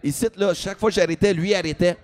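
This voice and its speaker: A man's voice: high voice, quick pace. Quebecois man telling a wild story. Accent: Quebec French. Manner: lively storytelling, switching between French and English, swearing. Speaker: comedian. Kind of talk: storytelling on a talk show.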